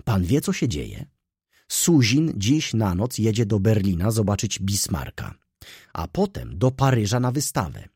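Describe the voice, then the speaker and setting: A man voicing an excitable, pushy young male shop clerk in an audiobook, talking in a breathless, indignant way. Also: lowish voice, a little slow, breathy edge, no echo, clean studio sound, full character voice. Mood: excited.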